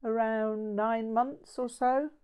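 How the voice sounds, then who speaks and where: A woman's voice: fairly high pitch, steady tone, slow, a little mellow, clear, resonant tone, voice pushed up. A woman voicing a mild, erudite, earnest Buddhist man in an audiobook story, speaking in a precise, bookish way.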